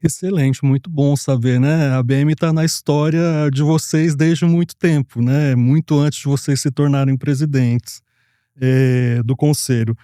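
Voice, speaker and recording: A man's voice: medium pitch, fairly even intonation, measured pace, mellow, clear, resonant tone, no room sound, studio quality. A man moderating an interview as a journalist, asking questions and often adding tag questions.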